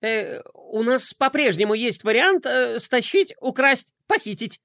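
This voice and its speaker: A man doing a shrill nervous robot sidekick. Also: animated, measured pace, sharp tone, no echo, clean studio sound, exaggerated voice. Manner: strained, stammering, nervous giggle. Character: nervous fawning male robot adjutant.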